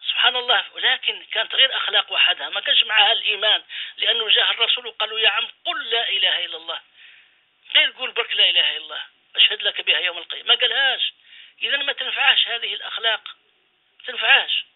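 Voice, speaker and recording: Speaking rapid-fire in a high voice, a male imam delivers a radio sermon through a phone-line call-in. He exhorts listeners using rhetorical questions and phrases he repeats.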